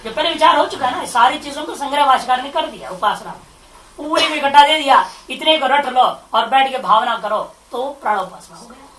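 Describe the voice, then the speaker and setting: A woman spiritual teacher lectures on scripture, working through Sanskrit phrases line by line and posing rhetorical questions. Her high-pitched voice is expressive, fairly bright and a little fast, heard from a distance in an echoey room.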